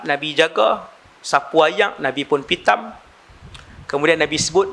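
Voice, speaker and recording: A man's voice: sits high, a bit bright. A male Islamic preacher, telling a story in a live lecture and asking his audience rhetorical questions.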